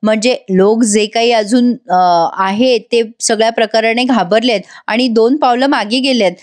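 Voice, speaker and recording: A woman's voice: on the high side, fairly even intonation, normal speed, natural voice. Brief: earnest, worried young husband, read by a woman, cautious.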